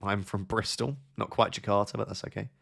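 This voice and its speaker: A young man hosting a casual live stream, reading viewers' messages aloud and thinking out loud with quick, offhand advice. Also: on the low side, steady tone, vocal fry, husky. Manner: thinks aloud with fillers and restarts. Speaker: live-stream host answering chat.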